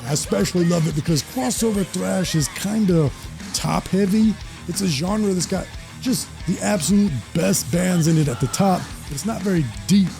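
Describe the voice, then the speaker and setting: Man, gravelly voice, mellow dark tone, casual album review, enthusiastic. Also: high voice, moderate pace, faint music behind. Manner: enthusiastic, joking. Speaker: host.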